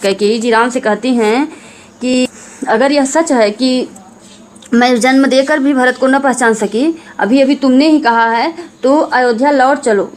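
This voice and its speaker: A woman teacher explaining Hindi verse to students, reading each line slowly and then explaining it in plain words. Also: fairly high pitch.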